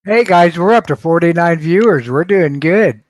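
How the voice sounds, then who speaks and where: A man's voice: a little high, moderate pace. A man co-hosting a casual live stream chat, teasing the others.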